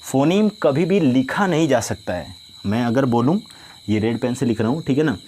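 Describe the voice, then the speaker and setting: A male teacher giving a grammar lesson, dictating definitions slowly and often asking if students follow. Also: medium pitch, animated, a little mellow, slight background noise. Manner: slow, repetitive dictation with frequent "ठीक है ना?" check-ins.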